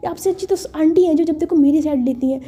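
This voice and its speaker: A woman's voice: high-pitched, quick pace, warm tone. A woman telling a story casually, retelling each scene and voicing the characters' lines herself. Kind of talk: casual storytelling narration with voiced dialogue.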